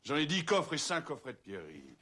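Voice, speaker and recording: An actor playing a haughty, scheming medieval count, talking pompously in a film scene. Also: male voice, on the high side, huge pitch swings, a little fast, bright, forceful tone, slightly rough, heavily acted.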